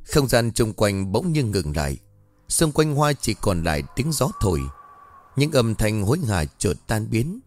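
A man narrating a dramatic story in a steady, measured way. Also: on the low side, soft background music.

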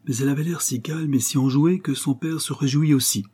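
Husky, mellow male audiobook narrator. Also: on the high side, fairly even intonation, brisk. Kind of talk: audiobook narration of a classic novel.

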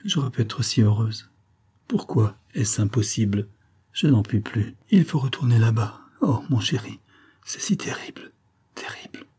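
A man's voice: on the low side, lively intonation, moderate pace, mellow, husky. A man voicing a dying young woman who speaks in faint, fading whispers in a storybook reading. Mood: faint, despairing.

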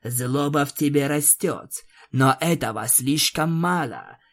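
A man voicing a cruel, commanding dark female creature who gives cold, hissing orders. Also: a little high, takes it slowly.

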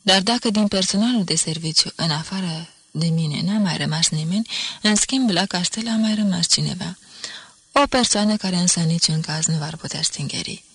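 A woman's voice: lowish voice, slightly rough, no echo. A woman voicing a tearful old steward. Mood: earnest. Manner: tearful, pleading, softly sorrowful. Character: old grieving male castle steward, gentle. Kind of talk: audiobook reading.

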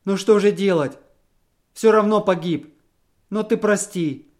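A man voicing a ruined gambler husband, loud and anguished, pleading and self-pitying in a storybook reading. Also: sits high, animated, slow, voice pushed up. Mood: desperate.

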